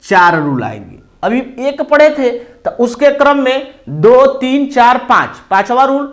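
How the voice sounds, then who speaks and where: Very animated, this very high-voiced man with an eastern Uttar Pradesh accent takes his class through Hindi grammar slowly, one step at a time. He regularly asks questions and supplies the answers himself.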